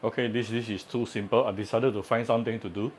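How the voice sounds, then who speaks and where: Cooking at his home kitchen stove, this channel host has a lowish, husky voice, a steady tone and a quick pace. He talks casually through the demonstration, explaining as he goes and filling gaps with frequent "uh"s.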